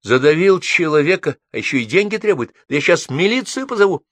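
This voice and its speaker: A man's voice: medium pitch, animated, moderate pace, no echo, pitched above the performer's own voice, lightly acted. A man voicing an emotional young woman in an audiobook, pleading and agitated. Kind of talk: audiobook reading.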